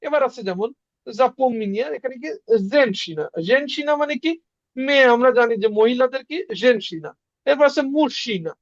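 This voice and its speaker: A woman with a fairly high voice leads a beginner language lesson. She says each sound twice and asks quiz questions. The recording is dry and a little muffled. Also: lively intonation, moderate pace, no echo. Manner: drills sounds with repetition and quizzing questions. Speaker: language teacher.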